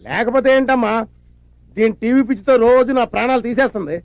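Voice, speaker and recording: An actor playing a hot-tempered, bossy police inspector who barks threats in a film comedy. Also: male voice, very high voice, fast talker, no room sound. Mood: exasperated. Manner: shouting threats, exasperated. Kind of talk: Telugu film comedy acting. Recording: dull film soundtrack with faint music.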